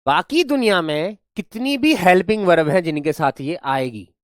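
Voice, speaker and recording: A man's voice: sits high, lively intonation, normal speed, dry recording, studio quality. A man teaching English grammar in a live online class, explaining through playful rustic storytelling.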